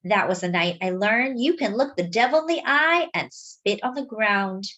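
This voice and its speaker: A woman tells a children's story aloud in a mid-range voice, using dramatic expression and careful pacing as a storyteller would for kids. The recording has a lo-fi sound.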